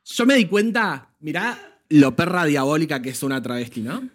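A man's voice: fairly high pitch, lively intonation, normal speed. A man, a podcast guest in casual chat, camp and teasing, telling stories with animation.

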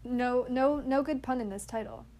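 A woman's voice: sits high, normal speed, mellow. A woman co-hosting a casual podcast, retelling movie scenes with dry, wry remarks. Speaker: podcast co-host. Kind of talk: casual chat recapping a movie.

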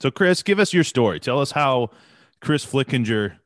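A man's voice: medium pitch, sing-song, normal speed, no room sound. Male podcast host, radio announcer voice, upbeat, dry close sound. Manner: upbeat, polished introductions. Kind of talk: podcast interview.

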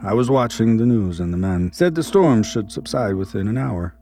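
A soft-spoken male studio owner with a gentle Scandinavian accent, as a deep-voiced man puts him on. He is calm and welcoming and pauses as he hunts for words. It is a storybook reading with faint music behind. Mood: calm, hosting.

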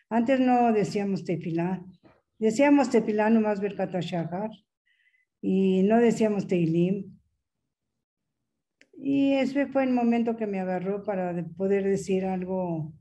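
A woman's voice: mid-range voice, a little slow, dark tone. An older woman tells her family's story as a personal testimony, speaking in an emotional, hesitant way. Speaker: mother telling her story.

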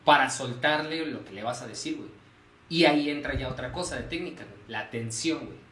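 A man's voice: medium pitch, a little fast, pushed and bright. A man with a Mexican accent talking casually in a podcast chat, constantly dropping slang fillers as he explains. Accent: Mexican Spanish. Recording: roomy echo, faint noise.

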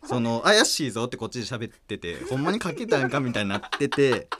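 A man with a Kansai accent hosting a casual comedic radio chat, bantering and quick to laugh and retort. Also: mid-range voice, big pitch swings, very noisy. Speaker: radio show host. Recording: music playing behind the voice.

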